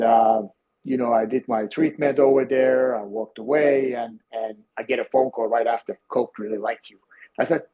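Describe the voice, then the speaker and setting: Telling stories in a medium-pitched, husky voice, a Finnish guest who used to be a team physiotherapist speaks with a clear Finnish accent. Fillers and restarts break up his talk often, and the recording is dull and low-fidelity.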